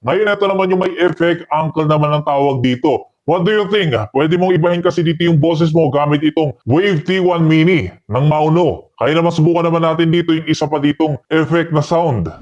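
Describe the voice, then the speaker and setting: A man talking casually through a deep pitch-shifted voice changer while reviewing a gadget. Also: a little fast, a little mellow, dull audio. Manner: casual product demo talk.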